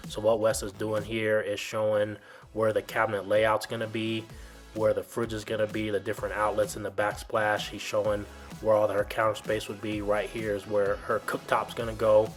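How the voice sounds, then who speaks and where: Low-voiced man narrating a home tour. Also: completely flat delivery, normal speed, soft background music. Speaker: home builder's guide narrating a walkthrough. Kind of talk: explanatory video tour narration.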